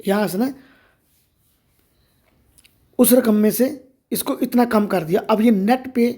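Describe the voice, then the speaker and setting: A woman's voice: fairly high pitch, slow pace, warm tone. A woman hosting a step-by-step tutorial, explaining things directly to listeners. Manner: explanatory, addresses viewers directly. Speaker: tutorial host. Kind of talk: step-by-step screen reader tutorial.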